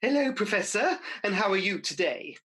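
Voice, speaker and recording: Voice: medium pitch, very animated, moderate pace, fairly bright tone. An actor playing a gossipy, hard-up mother as a pantomime dame in a radio play, with chatty comic patter. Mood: friendly.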